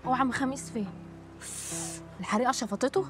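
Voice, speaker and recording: Egyptian actress doing a fretful young wife, high voice, rushing her words, pleading. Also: over music, lightly acted. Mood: worried. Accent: Egyptian Arabic. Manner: worried, pleading. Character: anxious devoted young wife.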